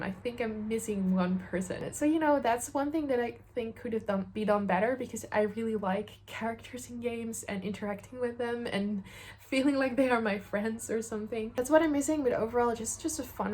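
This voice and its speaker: A young woman chats casually, rambling along and dropping "like" between thoughts. Her voice sits a little high. There is a faint hum of room noise behind her. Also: darkish tone. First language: Dutch. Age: 20s. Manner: chatty, rambling, lots of "like" fillers. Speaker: gaming vlogger. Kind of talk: casual chat.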